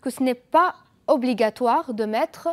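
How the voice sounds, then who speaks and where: A woman's voice: high-pitched, a little slow. A woman teacher giving a televised school lesson, explaining patiently, asking pupils questions and praising their answers. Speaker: French teacher.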